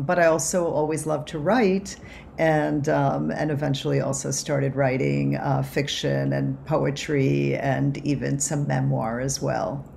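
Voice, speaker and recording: Woman, low voice, gravelly, reflective, video call, faint hiss. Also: darkish tone. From Cuba. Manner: reflective, many ums and restarts. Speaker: author and anthropologist. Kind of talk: relaxed interview answers. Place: home office.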